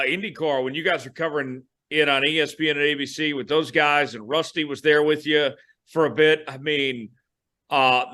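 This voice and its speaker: Bright-voiced man asking long questions. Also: on the high side. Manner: asks long questions with many "uh" pauses. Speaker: radio and TV host, co-host. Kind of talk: casual podcast chat.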